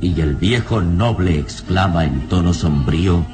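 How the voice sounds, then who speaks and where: A man with a low, expressive voice narrates a radio drama at a measured pace, solemn and theatrical in his scripted delivery. It's a vintage radio drama recording with music in the background.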